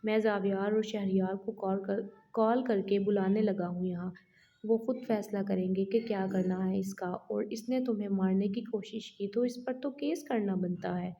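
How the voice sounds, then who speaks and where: A woman's voice: mid-range voice, fairly even intonation, warm tone, highs cut off, lightly acted. Woman reading as a stern protective young man. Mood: insistent. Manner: demanding, stern.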